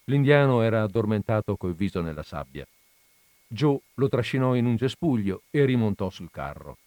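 A man's voice: lowish voice, very animated, normal speed, darkish tone, no room sound. A man reading a short story aloud, with chatty asides before he starts the reading. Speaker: reader of short stories. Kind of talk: reading literary fiction aloud.

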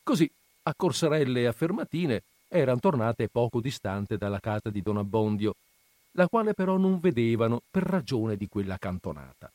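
A man giving an expressive, dramatic reading of a classic novel. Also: mid-range voice, moderate pace, dry recording. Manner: dramatic, animated storytelling. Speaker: reader.

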